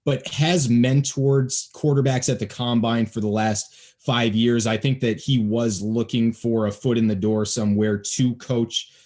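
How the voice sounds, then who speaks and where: A man's voice: mid-range voice, steady tone, measured pace, few pauses, a little mellow. Chatty young man hosting a podcast. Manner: friendly, chatty and joking. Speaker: podcast host. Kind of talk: casual sports podcast chat. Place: home, near Baltimore. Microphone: home podcast microphone.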